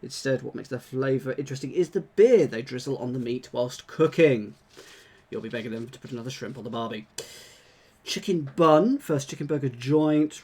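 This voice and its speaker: While solving a puzzle on a livestream, a man chats casually and reads the clues aloud haltingly, often restarting and going off on asides. His voice is mid-range with a darkish tone.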